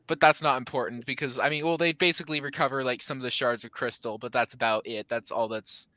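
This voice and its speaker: A man's voice: mid-range voice, steady tone, fast talker, sharp tone, no echo. A man chatting casually in a book club discussion, rambling with lots of fillers and restarts.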